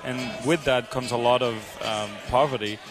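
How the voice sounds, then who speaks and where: A man's voice: medium pitch, fairly even intonation, normal speed. A man from the south of France with a French accent, speaking earnestly as an interview guest, with many fillers and restarts. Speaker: guest, charity supporter and restaurant owner. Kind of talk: conversational interview. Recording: music playing underneath.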